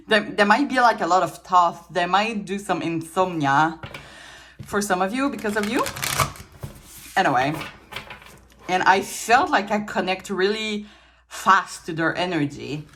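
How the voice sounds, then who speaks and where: A tarot reader from Quebec, Canada, whose first language is French, speaks with a Quebec French accent in a medium-pitched, slightly bright voice. Sitting indoors at a table with trinkets, she gives a casual reading, chatty and a little tired, laughing often and restarting her sentences.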